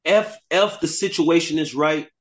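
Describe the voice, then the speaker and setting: A man from South Florida, a guest artist, talking casually over the phone in a relaxed, hesitant way with many fillers. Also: on the high side, unhurried.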